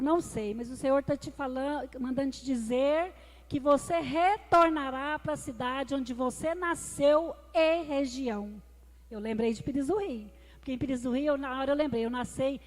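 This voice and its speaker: High-voiced woman testifying in a church. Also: a little mellow. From Brazil. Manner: emotional storytelling, addresses the congregation as brothers. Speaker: deaconess giving a testimony. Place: church hall. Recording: reverberant church hall with music.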